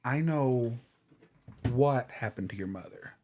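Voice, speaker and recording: A man voicing a calm, wry woman archmage mentor in a tabletop game. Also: mid-range voice, slow pace, slight background noise.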